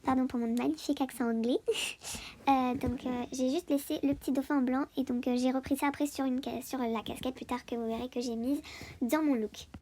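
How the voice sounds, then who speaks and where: High-voiced, quick-talking woman narrating. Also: steady tone, mellow, slight background noise. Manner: chatty, full of hesitations and fillers. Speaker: video host. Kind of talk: casual voice-over narration.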